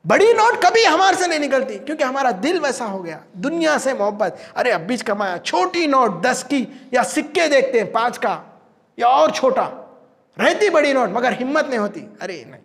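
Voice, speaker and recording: A man delivers a Friday sermon in a strikingly high voice that carries a long reverb through a mosque hall. He swings dramatically, surging toward near-shouts and falling low and quiet on exclamations. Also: sing-song. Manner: dramatic, rising to near-shouts when voicing pleas, dropping low on exclamations. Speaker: Friday preacher.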